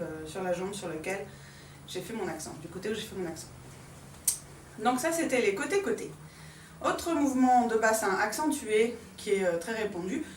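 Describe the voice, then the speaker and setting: A woman dance teacher giving a calm step-by-step lesson, demonstrating moves and marking accents with short sounds like "pam". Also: a little high, slight background noise. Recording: echoey room from far off.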